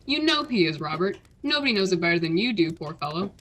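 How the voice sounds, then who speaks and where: A teenage woman acting an indignant, sharp-tongued poor wife in a radio play, biting and sarcastic. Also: fairly low pitch, very animated, fast.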